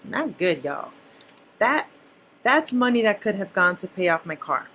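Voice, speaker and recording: A woman's voice: mid-range voice, very animated, unhurried, a bit bright, slight background noise, rough recording. A young woman, a mother, vlogging about her spending in a chatty, blunt, casual way to her viewers. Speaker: personal finance vlogger, mother. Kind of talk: casual talk to camera.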